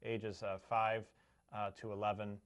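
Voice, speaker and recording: A man speaking as a guest, promoting a local event conversationally with a halting delivery. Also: fairly low pitch, little pitch movement, clear, resonant tone, highs cut off. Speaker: guest from a local conservation group.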